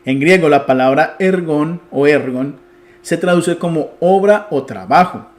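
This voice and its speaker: A man's voice: a little high, lively intonation, unhurried. A man giving an online Bible Greek grammar lesson, explaining step by step and checking in with his students. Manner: explains patiently, restarts and asks "¿sí?".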